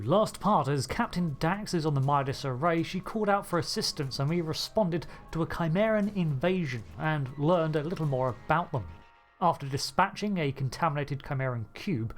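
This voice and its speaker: A man with a slightly high voice narrates a video game playthrough. He is conversational and drops in wry asides as he goes. Soft music runs underneath. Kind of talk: narrated playthrough with light commentary. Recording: voice over background game music.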